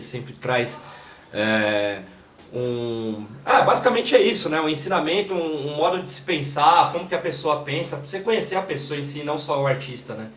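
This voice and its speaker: A man with a São Paulo accent, a guest in a casual interview, telling stories in a relaxed way with many "né" fillers. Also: a little high. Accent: São Paulo Portuguese. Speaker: guest, creative director and videomaker. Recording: echoey room, distant mic, faint noise.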